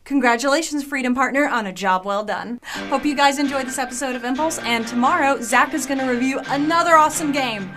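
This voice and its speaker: A woman's voice: high-pitched, fairly quick. A woman hosting an online show in a bubbly, playful way. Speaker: host. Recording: music in background.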